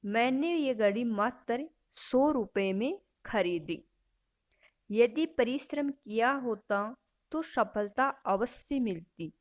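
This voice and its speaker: Lady teacher reading out quiz options then explaining the answer, talks slow. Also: a little high, animated, highs cut off. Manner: self-correcting. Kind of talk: exam-prep grammar lesson.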